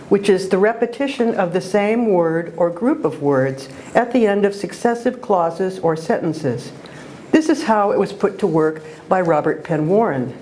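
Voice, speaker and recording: A woman giving a scripted lecture on poetic devices, measured and deliberate, slowing down to read quoted lines. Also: mid-range voice, darkish tone, a little hiss or hum, low-quality recording. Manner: measured, reads quoted passages slowly. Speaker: literature lecturer.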